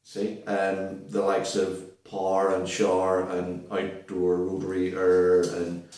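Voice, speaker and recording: A man's voice: deep voice, monotone, slow pace, a little mellow. A man with a broad Northern Irish accent from Belfast, chatting casually as an interview guest in a self-deprecating, hesitant way. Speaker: interview guest, book reviewer. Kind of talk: casual chat. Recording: echoey room, distant from the mic.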